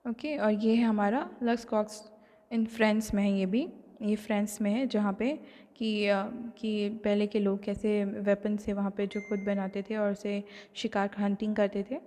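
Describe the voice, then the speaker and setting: A woman teacher with an Indian accent, recorded in a room with a long, lingering reverb. She reads English lines slowly and deliberately, then switches to easy Hindi explanation with frequent fillers. Her pitch sits in a middle range. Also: fairly even intonation, dark tone. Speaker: online class teacher. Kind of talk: recorded lesson explaining a textbook.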